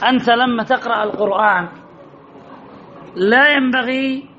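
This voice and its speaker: A male teacher leading a class, asking students questions, repeating their answers and reading examples slowly and deliberately. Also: very high voice, slight background noise. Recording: dull lo-fi recording.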